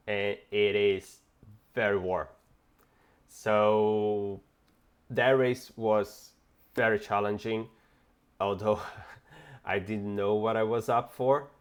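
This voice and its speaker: A young Brazilian man with a Brazilian Portuguese accent, telling a personal story in a casual, reflective way with hesitations and restarts. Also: fairly low pitch. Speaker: fitness vlogger.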